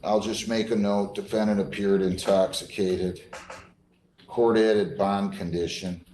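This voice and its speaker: The judge presiding over this court hearing is an American man with a lowish, dark voice that has little pitch movement and an unhurried pace. Firm and plain-spoken, he repeats points for emphasis in an informal courtroom style, his words echoing through the indoor room with faint noise.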